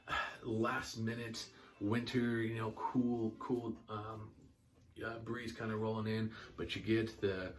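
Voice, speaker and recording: Young male reviewer, low-ish, casual, enthused, filler-heavy, slightly distant mic. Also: little pitch movement, takes it slowly. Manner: chatty, enthusiastic, many fillers and restarts. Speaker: fragrance reviewer.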